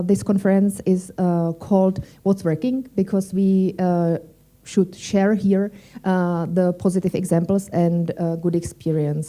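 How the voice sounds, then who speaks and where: A woman giving a welcome speech as a conference organiser, in hesitant, halting non-native English. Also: lowish voice, mellow.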